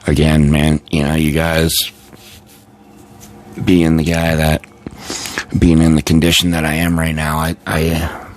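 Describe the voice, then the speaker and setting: A man's voice: a bass voice, completely flat delivery, measured pace, pauses often. A tired man chatting casually on a live stream, rambling with many fillers and restarts. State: tired and yawning.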